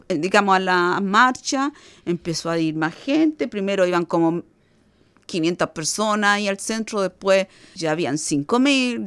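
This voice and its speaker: A woman's voice: on the low side, clean tone, no room sound. Earnest Chilean woman in her sixties. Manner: earnest, reflective storyteller. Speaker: guest commentator. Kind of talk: radio conversation.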